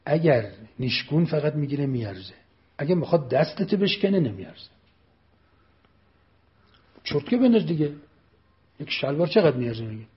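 A man with a somewhat high voice delivers an emphatic political speech. He repeats his phrases and presses the audience with pointed rhetorical questions. The recording sounds dull and lo-fi. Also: big pitch swings, pauses often. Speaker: speaker addressing an audience.

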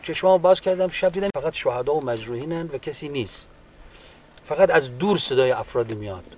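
A wounded war veteran gives personal testimony about his wartime wounds, speaking in a halting, unhurried way with restarts. His voice is on the high side with lively intonation, and he's far from the mic, with faint background ambience.

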